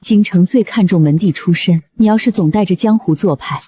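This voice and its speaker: A woman voicing a middle-aged noble mother in an animated drama, firm and lecturing, with a husky tone. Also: lowish voice, fairly quick, voice pushed down. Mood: coaxing. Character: stern aristocratic mother, middle-aged, coolly guarded.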